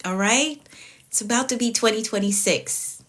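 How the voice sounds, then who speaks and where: Woman, late 30s, productivity coach doing a live stream, bright tone, firm and repetitive delivery. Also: a little high, normal speed. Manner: repetitive, firm, tags lines with okay.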